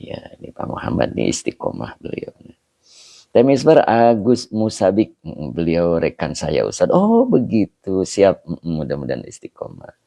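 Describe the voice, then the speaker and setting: A male preacher winds down his online study session, reading out viewer names and comments in a relaxed, joking way. His voice is deep and gravelly, with a dark, mellow tone. It sounds dry and close, with no room around it. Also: moderate pace, no echo. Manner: chatty, laughing, switches between Indonesian, Javanese, Sundanese and Arabic. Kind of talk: casual livestream closing, reading comments aloud.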